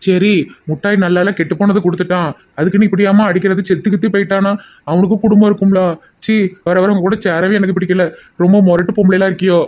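A woman's voice: medium pitch, steady tone, fast talker, darkish tone, natural voice. A woman voicing a confused, cranky old village grandmother who scolds in rustic dialect. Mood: scolding.

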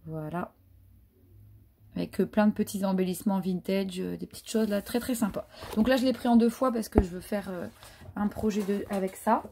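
A woman's voice: mid-range voice, normal speed, creaky, warm tone, a little hiss or hum. A woman chatting casually through a craft haul, hesitant and full of fillers. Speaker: craft vlogger. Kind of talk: casual haul show-and-tell.

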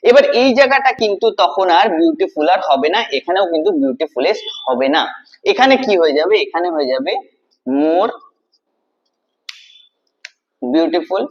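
Male tutor, high voice, quizzes and answers himself, repeats key words; muffled low-fi recording. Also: big pitch swings, a little fast, gravelly. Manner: asks questions then answers them, repeats key words. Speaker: English grammar teacher. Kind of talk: classroom-style video lesson.

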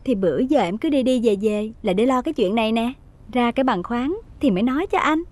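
A giggly young wife. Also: female voice, a little high, lively intonation, brisk, a little mellow. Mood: coaxing. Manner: giggling, coaxing.

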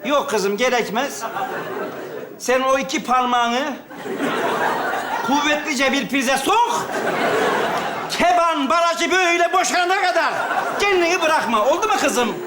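Sarcastic preacher in a comedy sketch, loud and fed up, big noisy crowd behind. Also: male voice, very high voice, a little slow, long pauses. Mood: mocking, loud. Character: exasperated, sarcastic male marriage-advice preacher. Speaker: advice show host. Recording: noisy echoey hall with loud audience.

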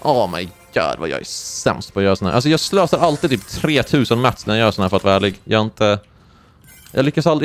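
Young male gaming streamer, excitable play-by-play, light background noise. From Sweden. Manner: excitable, swings into high-pitched yelps when surprised. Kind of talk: live gameplay commentary.

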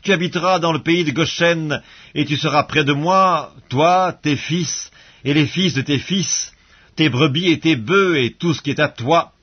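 A man reading scripture aloud in a measured, solemn way, pausing between phrases. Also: on the high side, breathy edge. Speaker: Bible reader. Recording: dull lo-fi audio recording.

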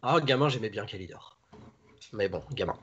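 A man's voice: on the low side, animated, moderate pace, dull audio, a crowd in the background. A man hosting a casual film podcast, talking in a hesitant way with many fillers. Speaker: host.

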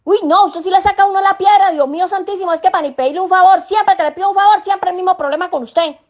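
A woman's voice: extremely high pitch, quick pace. A woman playing an exasperated mother in a comedy sketch, scolding and cursing at her son. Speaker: sketch actor.

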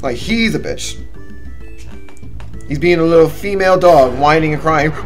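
A man's voice: fairly high pitch, normal speed, faint music behind. A young man giving casual, slangy, profane gameplay commentary with a teasing manner. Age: young adult. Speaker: game streamer. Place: small indoor room.

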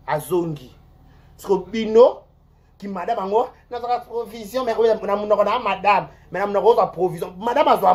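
With a Congolese accent and a medium-pitched voice, an online host rambles through animated gossip, repeating words and lurching between loud outbursts and muttering.

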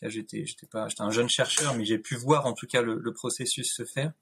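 A man's voice: medium pitch, fairly even intonation, a little fast, gravelly, a bit bright, a little hiss or hum. A man in his thirties, a guest on a video call interview, speaking thoughtfully with many fillers and restarts. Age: 30s. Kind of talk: casual interview talk. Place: home room, indoors.

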